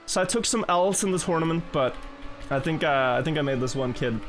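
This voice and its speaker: A man's voice: on the high side, expressive, brisk, soft background music. A man streaming a game, telling rambling stories in casual chat and chuckling now and then. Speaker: gaming streamer.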